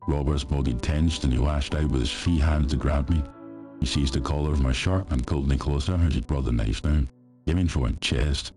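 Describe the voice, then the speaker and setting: A man narrating a first-person horror story in a steady, measured way. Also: rumbling low, faint music behind.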